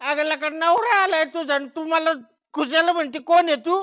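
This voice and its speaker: A woman's voice: very high-pitched, fairly even intonation, moderate pace, fairly bright tone, no room sound, dull audio. A woman acting a stubborn drunk village husband, slurring and groaning as he insists. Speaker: comic actor.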